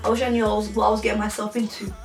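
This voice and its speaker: A woman's voice: medium pitch, level tone, racing, creaky, distant mic. A woman, chatting casually through a Q&A for her vlog, rambling with many restarts. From England. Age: 20s. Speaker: YouTuber. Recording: echoey room, voice a bit off-mic, music behind.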